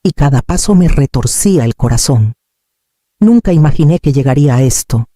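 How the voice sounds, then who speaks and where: A man narrating a dramatic story in a slow, solemn, expressive way. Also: a little high, dry recording, clean studio sound.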